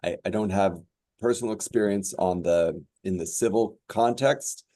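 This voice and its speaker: Low, mellow-voiced judge speaking haltingly. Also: male voice, no room sound. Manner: measured, halting with many fillers. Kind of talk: panel discussion remarks.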